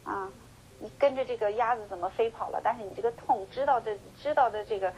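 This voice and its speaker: A woman teaching a Buddhist sutra lecture, telling the story with lively acted-out dialogue and many drawn-out sentence-final particles. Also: on the high side, low-quality recording. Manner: slow measured chanting when reading scripture.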